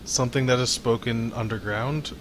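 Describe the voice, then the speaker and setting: A man's voice: mid-range voice, fairly even intonation, moderate pace, a little hiss or hum. A man playing a tabletop game, laughing often and rambling through explanations. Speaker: player. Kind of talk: casual chat during a tabletop game.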